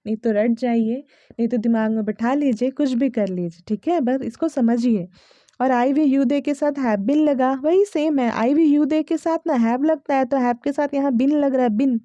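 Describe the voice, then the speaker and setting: A young woman teaches English grammar in a high, mellow voice. She repeats key words and keeps checking that her students understand. The recording is dry and a little dull. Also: no echo. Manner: patient, repeats key words, asks if it is clear. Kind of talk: explaining grammar in a lesson. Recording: dull, lo-fi sound.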